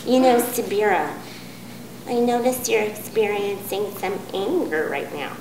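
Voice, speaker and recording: A woman voicing a smug, spiritually righteous hippie woman who speaks slowly and softly with condescending calm. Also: mid-range voice, far from the mic, lightly acted. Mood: patronizing. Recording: echoey room, audience noise.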